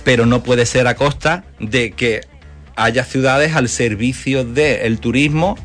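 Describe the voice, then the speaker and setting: A man's voice: medium pitch, slow, fairly bright tone, faint music behind. A man from Málaga, a political candidate giving earnest, fluent answers in a radio interview. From Málaga, Spain. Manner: earnest, fluent campaign talk with fillers.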